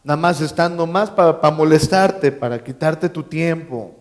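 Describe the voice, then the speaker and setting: A male pastor delivers a sermon in a church, his voice sitting somewhat high for a man. He hammers key phrases through repetition and keeps checking in with his listeners. Joking asides lighten the preaching. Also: measured pace. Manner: emphatic, repeats key phrases, quizzes the congregation, joking asides.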